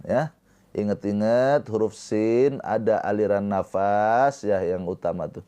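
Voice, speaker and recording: A man teaching Quran recitation rules in a slow, patient lesson, chanting verse phrases and then explaining them. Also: lowish voice, mellow, clear, resonant tone. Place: live-streamed lesson.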